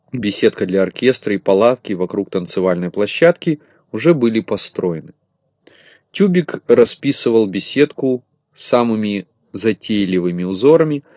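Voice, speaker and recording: A man reading a children's tale aloud as narrator, lively and expressive. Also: on the low side, no room sound, studio quality.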